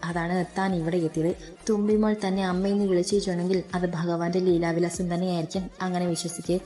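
A woman's voice: on the low side, flat delivery, brisk, dark tone, natural voice. A woman voicing a kind female housemaid who reassures a friend, in a storybook reading. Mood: reassuring.

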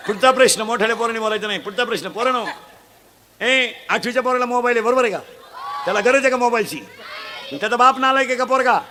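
A man preaching a comic devotional sermon, loud and joking, quizzing the audience with blunt, earthy village humour. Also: extremely high pitch, fast talker, a faint crowd, slight background noise. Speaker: kirtan preacher.

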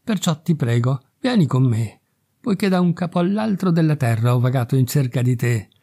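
A man's voice: mid-range voice, animated, moderate pace, vocal fry, mellow. A man voicing a grieving beggar mother who pleads in a raised, tearful voice. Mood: pleading.

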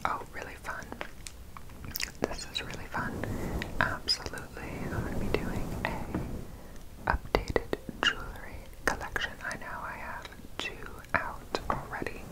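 Young man's intimate close-up ASMR whisper. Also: low-quality recording. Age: 20s. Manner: casual, rambling, halting. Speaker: ASMR creator. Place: small dim indoor room. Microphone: close condenser mic with fluffy cover. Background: mic scratching.

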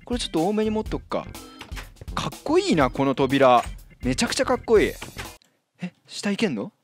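Excitable man doing Minecraft commentary. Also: sits high, fairly quick, soft background music. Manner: excitable, yelps and laughs when startled. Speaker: Minecraft let's-play host. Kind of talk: casual gameplay commentary.

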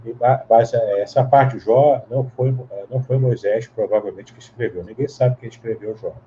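A male Bible scholar, appearing as an interview guest, explains things at length in a teacherly manner, full of tag questions and restarts. His voice sits at medium pitch and moves at a normal speed. The recording is dull and lo-fi, with a faint hiss.

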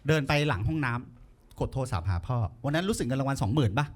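A man's voice: mid-range voice, quick pace. A man doing stand-up comedy on a club stage, telling stories with lots of swearing and acting out the people in them. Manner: animated, profane, acts out quoted people.

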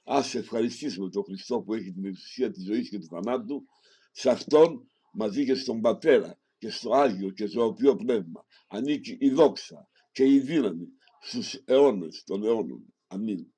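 A man reading a homily aloud in a solemn, measured way, speaking directly to the listener and closing with prayers. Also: lowish voice, warm tone, slightly rough. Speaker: reader of a sermon.

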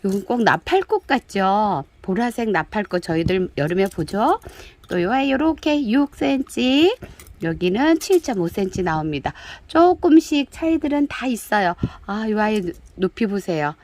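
A woman chatting warmly as she shows off handmade flowerpots, gushing over each one and reading out their sizes in a dim indoor room. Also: medium pitch, big pitch swings, moderate pace, no room sound. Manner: gushing, chatty, calls pots "kids". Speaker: pottery shop seller. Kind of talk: product showcase video.

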